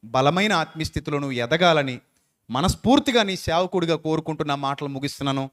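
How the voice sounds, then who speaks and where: Preacher, male, high voice, folksy, keeps questioning the congregation. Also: lively intonation, fast, fairly bright tone. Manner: folksy, questioning the listeners directly, acting out quoted people. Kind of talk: sermon with closing prayer.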